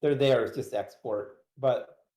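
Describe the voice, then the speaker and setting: A man's voice: medium pitch, measured pace, warm tone, roomy sound. A man as guest expert explaining technical details casually, hedging with fillers.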